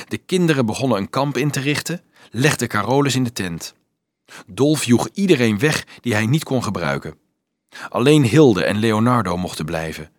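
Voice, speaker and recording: A man narrating an audiobook in an expressive storytelling manner. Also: mid-range voice, no room sound, clean studio sound.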